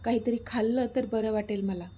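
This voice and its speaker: A woman voicing a distressed young woman, soft-spoken, weak and irritable. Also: fairly high pitch, fairly even intonation, fairly quick, breathy edge.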